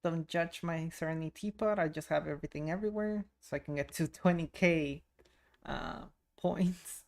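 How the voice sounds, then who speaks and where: A woman streamer and VTuber chats casually during a video game livestream, making short offhand remarks to herself as she plays. Her voice is low, gravelly and darkish, at a moderate pace, with game music and sounds in the background.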